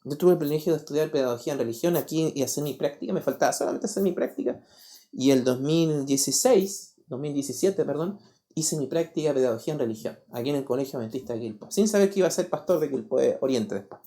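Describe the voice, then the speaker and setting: A man, preaching a sermon as pastor. He talks in an animated way and keeps asking the congregation rhetorical questions. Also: a little high, fast. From Paraguay. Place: church.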